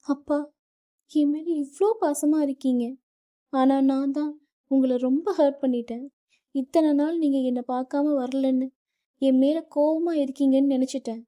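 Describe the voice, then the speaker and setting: A woman's voice: steady tone, normal speed, dark tone, lightly acted. A woman narrator voicing a young woman who cries and pleads with her father. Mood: tearful pleading. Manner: crying, pleading, high and strained. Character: young woman, tearful loving daughter.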